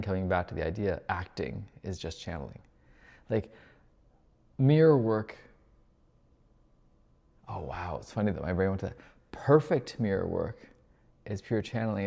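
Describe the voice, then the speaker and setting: A man with a low, gravelly voice talks through his thoughts in a loose, introspective ramble. He catches and corrects his own words as he goes, like a spiritual coach reflecting out loud. His voice trails off into a long hall reverb. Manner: introspective, thinking aloud, self-correcting. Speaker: spiritual coach and retreat host.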